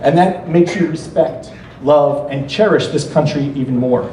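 A middle-aged American man gives an earnest, measured introductory speech for the keynote at a political gala, adding occasional light jokes. His pitch is on the high side. He's at a podium on a banquet hall stage, recorded from across the room through the podium mic, so the sound is echoey, distant and very noisy.

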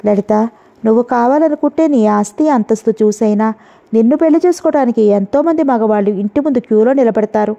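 A woman voicing a jealous young wife who speaks in sharp, sarcastic taunts, read in a storybook. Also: a little high, fairly quick, lightly acted. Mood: accusing. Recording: dull lo-fi audio.

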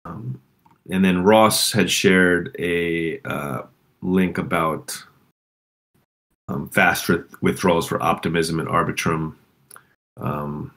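A man's voice: deep voice, a bit bright. A man with a sore throat hosting a casual community call, rambling with fillers and restarts.

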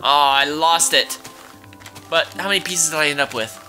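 A man's voice: on the high side, normal speed, sharp tone, faint music behind. A man casually commentating a video game he plays with his child, chatty and exclaiming as he thinks aloud. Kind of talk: casual let's-play commentary.

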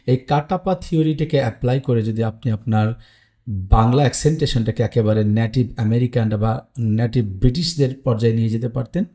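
A man's voice: medium pitch, brisk, warm tone. A man teaching English pronunciation in an online lesson, explaining plainly with frequent "ah" fillers. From Bangladesh or West Bengal.

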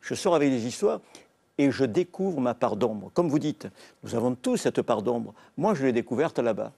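A man's voice: medium pitch, lively intonation, normal speed, gravelly, warm tone, husky. An older man with a southern French accent from Marseille, a novelist guest telling stories earnestly on a TV book show. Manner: storytelling, earnest, quotes and repeats phrases. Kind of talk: televised literary talk. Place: TV studio.

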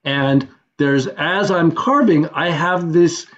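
A man hosting a carving chat over a video call, thinking aloud in long rambling sentences full of restarts. His mid-pitched voice comes through dull and muffled. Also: takes it slowly, a bit bright. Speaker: host of a carving challenge. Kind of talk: casual video-call discussion.

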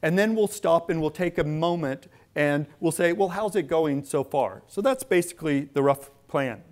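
Here a middle-aged man speaks as the guest at a public lecture, chatting with the audience in a spacious indoor hall. His slightly mellow, higher-pitched voice moves at a moderate pace, captured by a lectern mic and afterward a clip-on mic as he moves about.

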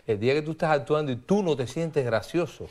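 A man interviewing a guest, asking quick questions. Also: on the high side, a little mellow.

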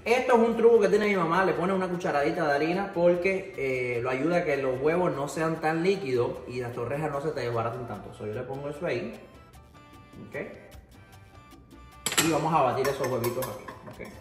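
Speaking briskly in a slightly high voice, a young Cuban man hosts a cooking show from his home kitchen, walking viewers through a recipe. His Cuban Spanish accent is mixed with English fillers such as "so" and "ok," and he talks chattily right to the audience. The sound is reverberant, with faint music in the background.

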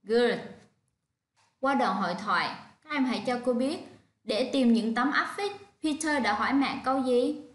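A woman's voice: fairly high pitch, unhurried, reverberant. A woman with a Vietnamese accent teaching an online English lesson to children, patiently drilling each word. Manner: patient, clear drilling of words.

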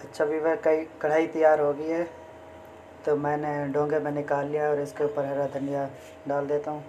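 Young man narrating his cooking, flat-voiced. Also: fairly high pitch, moderate pace, slight background noise, low-quality recording. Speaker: cooking vlogger. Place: home kitchen. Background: frying and sizzling in the pan.

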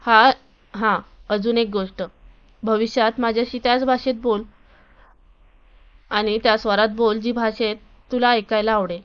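A woman voicing a calm, newly confident young wife in a read-aloud story, speaking steadily and firmly. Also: on the high side, unhurried, pauses often, clean tone, natural voice. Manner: calm, firm. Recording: dull lo-fi recording.

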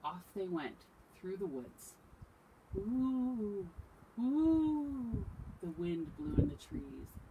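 A woman reading a picture book aloud to camera, expressive with dramatic pauses. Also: fairly low pitch, vocal fry, narrow, tinny audio, background noise. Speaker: storyteller.

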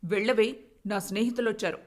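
A woman voicing a harsh, domineering rich mother-in-law in a storybook tale, shouting scornful threats. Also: mid-range voice, brisk, natural voice. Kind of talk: storybook narration.

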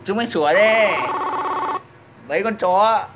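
A man's voice: high-pitched, a little slow, heavy background noise. A man ranting at his critics in a taunting, profane way, laughing at them as he insults them. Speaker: online commentator. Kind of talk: taunting profane rant to camera.

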